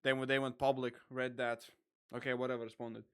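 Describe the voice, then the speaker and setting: A young man hosting a casual online chat, rambling with lots of fillers and quick laughs. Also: medium pitch, flat delivery, a bit bright, clear, resonant tone. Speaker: podcast host.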